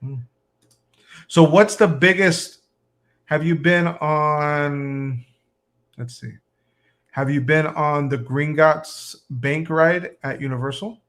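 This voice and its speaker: A man's voice: on the high side, slow pace, pauses often. Man chatting casually on a live stream. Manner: relaxed, reads out viewer comments. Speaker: vlog host.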